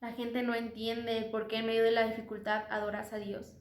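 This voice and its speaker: A woman's voice: fairly high pitch, completely flat delivery, normal speed. A woman leading a casual Bible study, chatting and putting questions to the listener. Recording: roomy echo.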